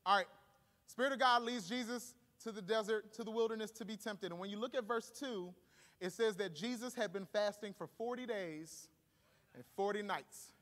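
A man in his thirties, preaching as a pastor on a large auditorium stage, gives an animated, conversational and emphatic sermon with humorous asides. His voice is high and a bit bright at a moderate pace, and his handheld microphone feeds a reverberant hall PA.

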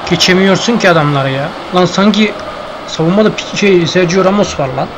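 A man's voice: sits high, a little fast, background noise. A young man giving live gameplay commentary, grumbling and frustrated at the match. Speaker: gameplay streamer.

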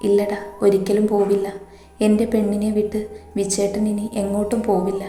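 A woman voicing a tender young man who gently soothes his love. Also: medium pitch, monotone, moderate pace, lightly acted. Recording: echoey room, faint music behind.

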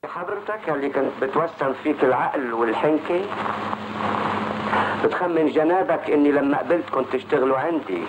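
A man's voice: on the high side, fairly quick, close to an everyday voice. A man playing a sarcastic, scolding employer. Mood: reproachful. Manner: reproachful, sarcastic questioning. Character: stern man scolding his hired musician. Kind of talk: 1940s film dialogue. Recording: noisy old film soundtrack.

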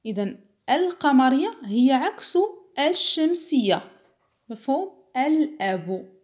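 A woman teacher giving a slow, patient spelling lesson to children, repeating words carefully and checking that they understand. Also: mid-range voice, expressive, a little mellow. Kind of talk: slow classroom explanation for children.

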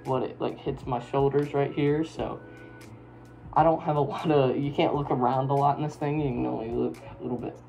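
A man's voice: mid-range voice, fairly even intonation, normal speed, gravelly, dark tone. Young man, muffled inside a helmet, enthusiastic rambling review, faint background music. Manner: enthusiastic, rambling, many fillers. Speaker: product reviewer. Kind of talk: casual product review vlog. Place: indoors at a work table.

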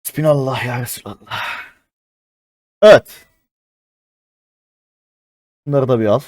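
Excitable man streaming a mobile game. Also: medium pitch, slow pace, no room sound, studio quality. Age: 30s. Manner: excitable, chatty with viewers, swears often. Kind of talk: live-stream game commentary.

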